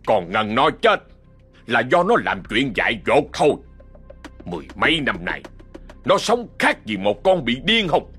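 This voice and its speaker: A harsh, short-tempered village elder, put on by a male storyteller, who yells and scolds. His voice jumps high and swings widely in pitch. Soft music hums behind him. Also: sing-song, a little slow, husky, heavily acted. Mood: angry. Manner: shouting, scolding.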